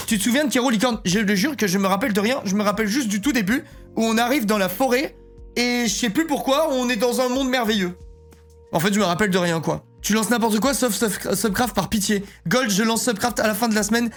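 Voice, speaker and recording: A man's voice: high voice, brisk. Male streamer, rambling casual chat, reads chat aloud, jokey, faint music behind.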